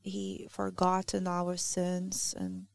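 A woman from Lithuania with a Lithuanian accent, a native Lithuanian speaker giving a halting church talk that searches for words. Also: fairly low pitch, completely flat delivery, creaky. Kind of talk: sermon.

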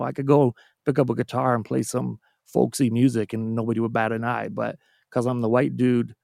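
A Canadian man, a music producer appearing as a guest, chats casually on a podcast, spinning long, self-deprecating anecdotes with many restarts. His medium-pitched voice has vocal fry and a darkish tone. The studio recording is clean with no echo.

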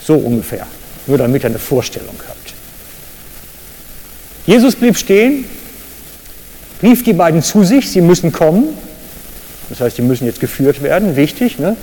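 A man with a German accent preaching a sermon, animated, with sudden loud high bursts when he acts out cries and quotes. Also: normal speed, pauses often. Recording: reverberant hall.

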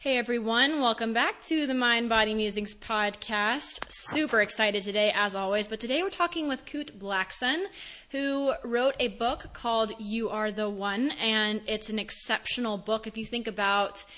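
A woman's voice: on the high side, normal speed, sharp tone. A woman hosting a podcast in a casual, upbeat and enthusiastic way. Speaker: podcast host.

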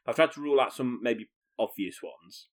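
A man's voice: mid-range voice, animated, normal speed. A man co-hosting a casual podcast, playful and teasing, often hesitating with fillers as he talks. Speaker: podcast co-host. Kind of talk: casual chat.

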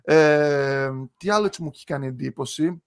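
A young man co-hosting a podcast in casual chat, relaxed, laughing often and trailing off mid-sentence. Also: a little high, clean tone. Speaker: podcast co-host.

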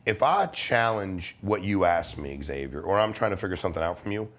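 Low-pitched and a bit bright, the voice belongs to a middle-aged man selling life insurance who's being interviewed on a podcast. He speaks fairly quickly and expressively, bluntly and emphatically pushing his case with slang and profanity in a casual tone.

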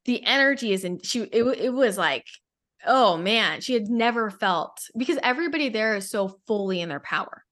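A woman's voice: fairly high pitch, expressive, normal speed, fairly bright tone. A woman in a casual spiritual podcast conversation, telling a long story in a rambling way with many restarts.

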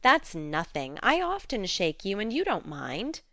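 A woman voicing a spirited, sensible teenage girl in an audiobook, brisk and coaxing. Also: mid-range voice, huge pitch swings, fairly bright tone, no room sound, studio quality, exaggerated voice. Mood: soothing, coaxing. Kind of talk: audiobook character reading.

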